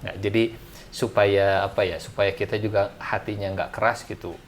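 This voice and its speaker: An ustadz gives a casual religious talk in a lowish, level male voice at normal speed. He's chatty, laughs a lot, and uses many fillers, with slight background noise.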